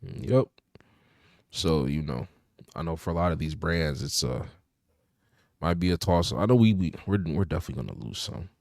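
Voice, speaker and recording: A man's voice: extremely low pitch, animated, normal speed, creaky, long pauses, a little mellow, no room sound, studio quality. A young man co-hosting a podcast, chatting casually about cars, laid-back with lots of "you know" fillers. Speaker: podcast co-host. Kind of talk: casual car chat.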